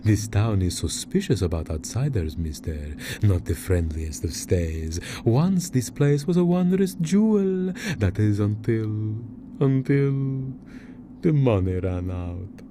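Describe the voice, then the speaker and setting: A man's voice: lowish voice, animated, slow pace, background noise. A man playing a frail, nervous old barber in a Western video game, obsequious and hesitant with muttered hums. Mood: wary, servile. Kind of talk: video game character acting.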